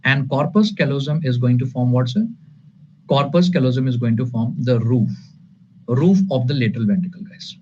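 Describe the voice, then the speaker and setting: A man's voice: medium pitch, moderate pace, a little mellow. A man with an Indian accent lecturing to an online class, emphatic and repetitive, switching between English and Hindi. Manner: emphatic and repetitive, addressing students as sir and guys. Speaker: anatomy lecturer. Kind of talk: live online exam-prep lecture. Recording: dull lo-fi audio with light noise.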